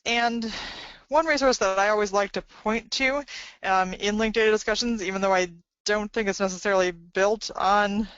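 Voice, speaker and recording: A woman gives a webinar presentation with a bright, forceful tone and a smooth, crisp voice. She talks conversationally and often fills pauses with "um". The audio is slightly dull and dry, as from a computer microphone. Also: medium pitch, dry recording. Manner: conversational, with frequent fillers.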